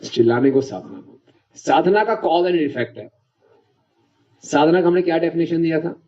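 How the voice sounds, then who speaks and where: This man is a preacher delivering a devotional talk, chatting with the audience and regularly making sure they follow along. His warm voice sits a little high and moves at a normal speed, captured in a dull lo-fi lecture recording.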